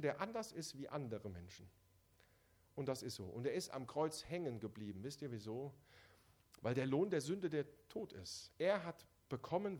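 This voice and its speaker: A man preaches a sermon, speaking right to his listeners. His voice sits a little high and moves a lot, dropping quiet and then pushing loud for emphasis. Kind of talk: evangelistic sermon.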